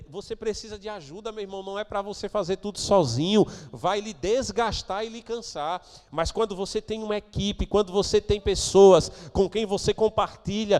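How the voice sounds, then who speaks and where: A man preaching a sermon as pastor of a church, moving between quiet asides and loud, emphatic declarations. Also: sits high, long reverb tail. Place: church sanctuary.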